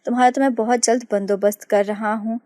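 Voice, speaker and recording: A stern young man scolds with a cold, biting edge, voiced by a woman reading a storybook. The voice sits fairly high and is recorded close and dry. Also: steady tone, fairly quick, dark tone, dry recording, close to an everyday voice. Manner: harsh, scolding. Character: stern angry young man, protective elder brother.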